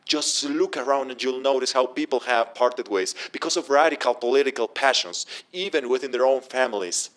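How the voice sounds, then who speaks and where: A man delivering an earnest scripted speech in a measured, restrained way. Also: medium pitch, a bit bright. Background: music.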